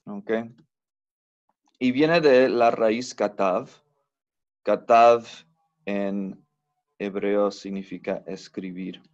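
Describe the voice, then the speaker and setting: Male teacher, mid pitch, very slow and patient, lots of ums and restarts; slightly muffled lo-fi recording. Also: darkish tone. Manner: slow, patient explaining with many fillers and self-corrections. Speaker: Biblical Hebrew teacher. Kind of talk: recorded online class lecture.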